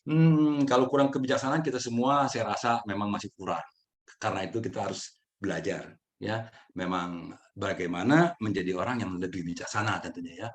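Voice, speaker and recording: A man speaking gently and unhurriedly as speaker of a mindfulness session, answering audience questions with frequent chuckles. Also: medium pitch.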